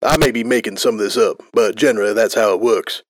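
A man's voice: on the low side, fast talker, dry recording, natural voice. A man voicing a chatty male pony soldier captain who explains things in an offhand, rambling way.

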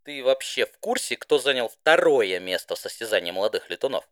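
A man's voice: medium pitch, sing-song, a little fast, clean tone, dry recording, studio quality, lightly acted. A man doing a cool, teasing flier mare. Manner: teasing, laid-back. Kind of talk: fan audiobook voice acting.

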